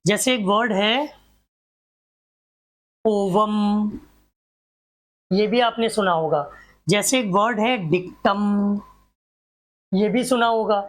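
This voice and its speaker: A woman's voice: mid-range voice, slow pace, long pauses. A woman teaching a grammar class, drilling examples one by one and asking rhetorical questions that she answers herself.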